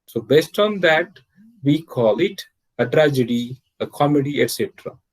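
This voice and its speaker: A man's voice: fairly high pitch, animated, normal speed, low-quality recording. A man giving an online literature lecture. He explains step by step, with many fillers like "okay" and "means". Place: home, recorded over a video call. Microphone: computer or headset mic on a video call.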